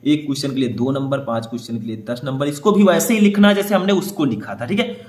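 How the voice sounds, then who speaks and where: A man teaching students how to write board exam answers, in a mid-pitched voice. He works through each step and keeps checking in with short confirmations. The recording has a noticeable echo, as if from a bare room. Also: darkish tone. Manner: explains step by step, says "ठीक है" often; reads passages aloud slowly. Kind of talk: board exam writing lesson.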